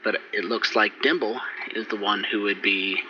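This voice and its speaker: A man recapping last session as game master, relaxed and rambling with fillers, over muffled voice chat audio. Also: lowish voice, normal speed, slight background noise. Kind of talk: recapping and running a tabletop game.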